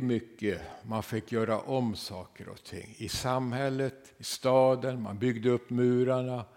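With a creaky, medium-pitched voice, a preacher addresses his congregation, his sermon shifting from forceful outbursts to near-whispers. He caps rhetorical questions with a brisk "va?", all under the long reverb of a church hall.

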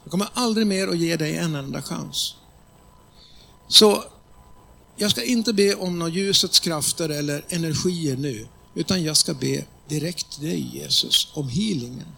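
Preacher voicing a defiant male healer, gravelly and bright, plain delivery. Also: fairly high pitch, exaggerated voice. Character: skeptical man, a new age healer.

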